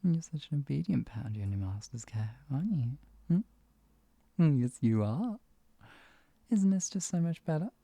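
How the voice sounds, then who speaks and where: A performer voicing a teasing, possessive villainous hypnotist in a soft, breathy ASMR role-play, coaxing and lulling a captive pet. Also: mid-range voice, big pitch swings, normal speed, long pauses, dry recording. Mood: smug, doting. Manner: soft coaxing murmur slipping into close speaks softly.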